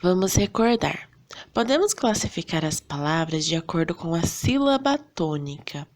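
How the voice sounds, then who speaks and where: A woman's voice: fairly low pitch, big pitch swings. A Brazilian woman teaching a recorded lesson for fifth graders, patient and checking in often with her students. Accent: Brazilian Portuguese. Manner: slow, patient, checks in with "tá bom?".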